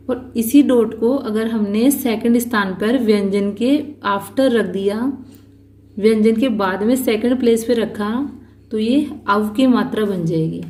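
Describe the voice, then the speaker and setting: A woman teaching a shorthand lesson, explaining each rule slowly and patiently, repeating points and counting out positions. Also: on the high side, mellow. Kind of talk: slow step-by-step lesson.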